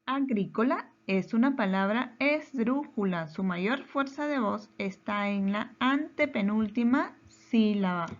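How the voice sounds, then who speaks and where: Slow, patient woman teacher. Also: on the high side, expressive, lo-fi sound. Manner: slow, careful, questioning delivery with deliberate pauses. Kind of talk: remote grammar lesson for children.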